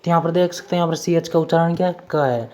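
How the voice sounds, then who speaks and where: Speaking quickly in a low, mellow voice, a woman explains English spelling rules, going over every formula step by step. Her lesson is patient and repetitive, and she calls her viewers friends.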